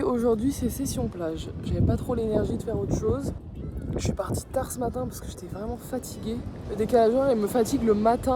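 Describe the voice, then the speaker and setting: A young woman in her twenties from France, chatting to her phone camera on a windy beach, slangy and very tired. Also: on the high side. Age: 20s. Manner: chatty, slangy, self-mocking. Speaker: travel vlogger. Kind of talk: casual vlog talk to camera.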